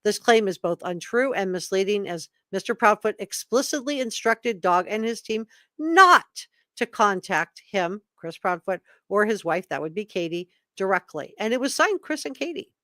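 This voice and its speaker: A woman's voice: mid-range voice, expressive, normal speed, bright, forceful tone, dry recording. Emphatic woman livestream commentator, dry close sound. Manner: emphatic, repeats key words for effect; opinionated, informal asides between read passages. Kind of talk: live commentary, reading statements aloud to chat.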